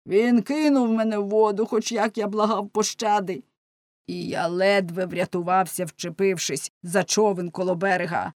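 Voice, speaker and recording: A woman reading an audiobook voices a spiteful old male fishmonger with shrill, vindictive cries. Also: steady tone, normal speed, a little mellow, no echo, studio quality, close to an everyday voice. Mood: self-pitying.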